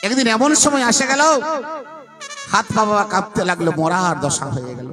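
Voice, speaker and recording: A male preacher telling a devotional story, animated, reciting Sanskrit verses. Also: sits high, moderate pace. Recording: music playing under voice. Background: instrumental music.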